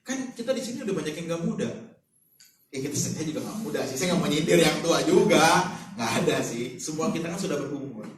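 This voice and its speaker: A man's voice: a little high, animated, quick pace, slight background noise. A man preaching a sermon in a casual, joking way, with many rhetorical questions to the congregation. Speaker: pastor. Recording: echoey hall, voice from far off.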